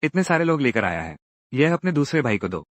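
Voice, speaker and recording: Lively male drama recap narrator. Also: medium pitch, a little fast, no room sound. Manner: lively, acts out each character's lines in turn. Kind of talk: dramatic Hindi recap narration voicing every character.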